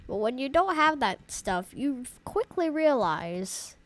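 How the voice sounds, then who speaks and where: In a high-pitched, sing-song, slow voice, a woman YouTuber gives loose, rambling commentary while playing a game. She talks right to her audience, calling them "guys," and her voice is slightly off because of allergies.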